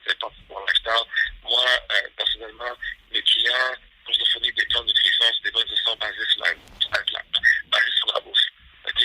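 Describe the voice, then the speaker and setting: Heard on a dry phone recording, this man in his 30s is a fitness coach fielding interview questions. He's repetitive and keeps peppering his talk with "right?", and his mid-range voice is sharp and husky.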